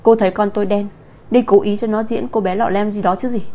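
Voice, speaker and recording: Woman playing a shrill, scolding angry mother. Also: steady tone, fast talker, lightly acted. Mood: indignant. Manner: sharp, scolding, accusing. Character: angry rude mother of a schoolgirl.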